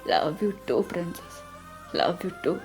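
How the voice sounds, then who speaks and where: A woman voicing a gentle, loving father who talks softly and soothingly, with faint music underneath. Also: high voice, drawn-out words, pitched below the performer's own voice, exaggerated voice. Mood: tender soothing. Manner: soothing, hushed.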